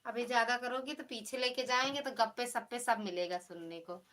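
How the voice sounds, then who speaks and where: A woman's voice: on the high side, steady tone, moderate pace, a bit bright. A woman with an Awadhi accent, hosting a casual live stream and chatting teasingly with her viewers. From Pratapgarh, Uttar Pradesh.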